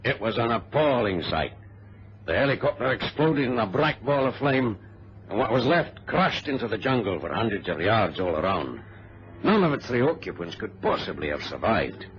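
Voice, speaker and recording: This old radio drama features a man in a dramatic style as a cautious, conscientious adventurer, gravely narrating his exploit amid dialogue. His voice is lowish, swings widely in pitch, and moves at a moderate pace. The audio is a muffled vintage recording with faint noise.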